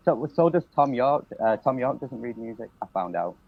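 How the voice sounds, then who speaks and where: A man in his late thirties, a musician guest who has been up all night, sounds tired and talks in halting, trailing-off phrases. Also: mid-range voice, lively intonation, phone-quality sound. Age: 30s. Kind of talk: casual chat on a call.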